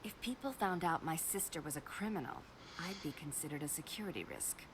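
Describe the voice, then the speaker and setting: A cool, scheming alien diplomat. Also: female voice, deep voice, expressive, fairly quick, background noise. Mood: calculating. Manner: smooth, calculating, condescending.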